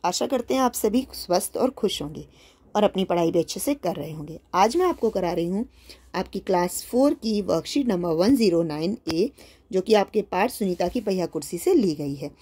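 A woman's voice: medium pitch, animated, normal speed, dark tone, slightly rough. A woman teacher patiently explaining a school worksheet to young children, often repeating and rephrasing her points.

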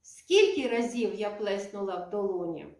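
A woman kindergarten teacher giving a lesson to young children, speaking slowly and clearly in a sing-song teacherly way. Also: mid-range voice, animated, darkish tone. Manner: slow, clear, sing-song teacherly speech with drawn-out words. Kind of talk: preschool lesson addressed to children. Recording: echoey room, voice from a distance.

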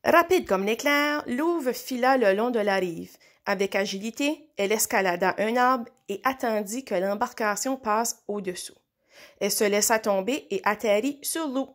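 A woman reading a children's picture book aloud, expressive, with slow dramatic pauses. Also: a little high. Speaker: storybook reader. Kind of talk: children's story read aloud.

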